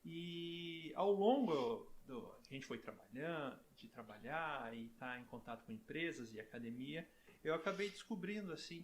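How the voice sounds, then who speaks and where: A middle-aged man from southern Brazil, a professor talking as a guest in a relaxed interview, chatty and full of "né?" tags and restarts. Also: fairly high pitch, a little hiss or hum.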